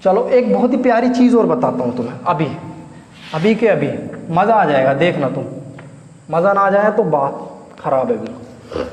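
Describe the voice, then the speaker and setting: A man's voice: a little high, big pitch swings, moderate pace, long pauses, darkish tone. A male math teacher giving a chatty, coaxing blackboard lesson, quizzing his students as he works. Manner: chatty, coaxing, asks the class questions. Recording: echoey room with faint noise.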